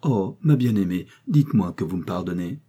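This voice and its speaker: A man's voice: deep voice, expressive, moderate pace, warm tone, husky. A man voicing a poor young baronet who passionately declares his love in a read-aloud novel, in a pleading, ardent way.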